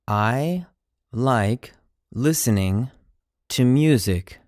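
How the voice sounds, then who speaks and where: Teacher voice for phrase drills: slow, chunked repetition, dry close sound. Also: medium pitch, expressive, a little mellow, no room sound. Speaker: language teacher.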